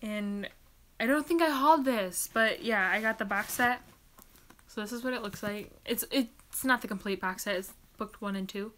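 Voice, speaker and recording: Bright-voiced, giggly book vlogger woman. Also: mid-range voice, moderate pace, a little hiss or hum. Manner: giggly, chatty. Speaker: book vlogger hosting a live Q&A. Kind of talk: casual live-stream chat.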